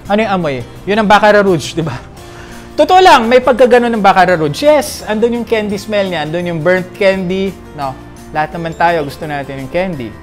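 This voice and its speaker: A man from the Philippines hosts a casual perfume review vlog, chatty and jokey, constantly checking in with viewers through tag questions and animated asides. His voice sits high, he speaks fairly quickly, and faint music plays behind.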